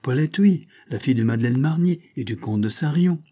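A man voicing a brave young army lieutenant in an audiobook, forceful and accusing. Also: mid-range voice, lively intonation, a little fast, pitched above the performer's own voice, close to an everyday voice. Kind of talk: audiobook character reading.

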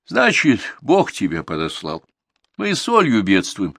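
A man voicing a brisk, practical middle-aged farm woman who complains about her chores. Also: lowish voice, wildly swooping pitch, a bit bright, no echo, clean studio sound, full character voice.

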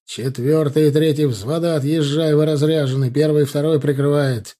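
Stern cavalry captain barking orders, read by a man; husky, mellow. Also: fairly high pitch, expressive, normal speed. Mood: commanding. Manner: barking commands.

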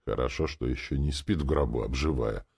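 Brash, mocking village lad, read by a male narrator: crude, with a gravelly edge, in an audiobook. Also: rumbling low, fairly quick, darkish tone, heavily acted.

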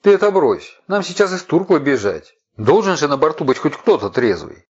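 A man's voice: on the high side, very animated, normal speed, slightly rough, pitched above the performer's own voice, exaggerated voice. A man voicing a cautious young male captain who grumbles and sounds puzzled, in a storybook reading. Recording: dull lo-fi recording.

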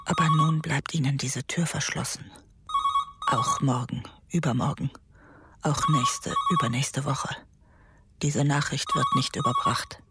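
An actress playing an anxious middle-aged mother who dreads bad news, speaking in a hushed, often half-whispered, tense way in a radio drama. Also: low-pitched, wildly swooping pitch, unhurried, heavily acted. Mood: brooding. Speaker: lead character and inner narrator. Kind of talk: German radio drama acting. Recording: loud music bed under studio voice.

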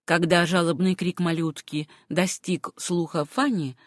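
An audiobook narrator reading a novel in an even, measured storytelling manner. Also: medium pitch, no echo, studio quality.

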